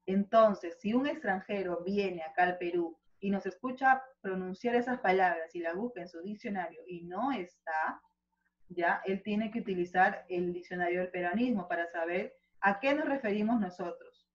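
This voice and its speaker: Peruvian teacher checking in with "¿no?". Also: female voice, medium pitch. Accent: Peruvian Spanish. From Peru. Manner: explains slowly with many rhetorical "¿no?" checks. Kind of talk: online class lecture. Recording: slightly dull lo-fi audio.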